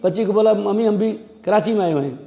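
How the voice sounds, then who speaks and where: A man's voice: high-pitched, fast talker, gravelly, in a large hall. A police officer from Pakistan, a man, recounting events in an interview and acting out the dialogue as he tells it. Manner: animated storyteller acting out quoted dialogue.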